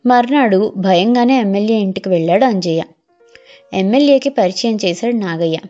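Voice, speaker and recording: A woman narrates a storybook in a steady, measured way at a mid pitch. The sound is muffled and lo-fi. Faint music plays underneath. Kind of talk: scripted audiobook narration.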